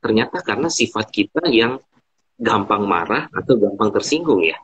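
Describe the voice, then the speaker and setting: Low husky male host. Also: animated, moderate pace, fairly bright tone, dry recording, dull audio. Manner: frequent short agreeing "iya", sums up the guest's points. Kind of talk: casual talk on an Instagram Live.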